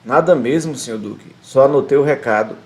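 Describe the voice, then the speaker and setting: A man voicing a nervous, polite male hotel receptionist who talks haltingly and stammers. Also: mid-range voice, close to an everyday voice.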